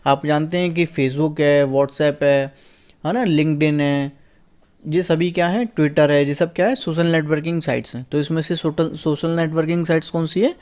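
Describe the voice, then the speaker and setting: Going through an old exam paper, a young man teaches in a fairly high, steady voice with a slightly mellow quality. He asks every question aloud, supplies the answer, and reads the English lines very slowly, one word at a time.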